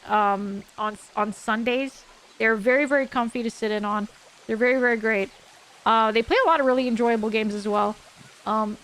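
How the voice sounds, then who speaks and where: A woman horror game streamer giving chatty, expressive, informal live commentary. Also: sits high, slight background noise.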